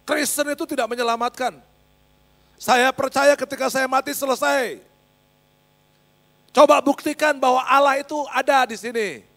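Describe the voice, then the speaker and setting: A man voicing a skeptical young male classmate who shouts in a high, excited voice. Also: normal speed, long pauses. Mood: challenging.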